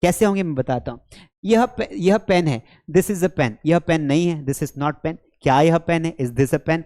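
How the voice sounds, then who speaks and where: At a classroom board, a man teaches spoken English, energetically drilling short sentence pairs aloud and calling his students beta and bhai. His voice is fairly high and mellow, and he keeps a measured pace.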